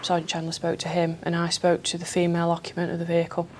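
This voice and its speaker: A woman's voice: lowish voice, monotone, quick pace. A woman traffic police officer explaining her work in a plain, matter-of-fact interview.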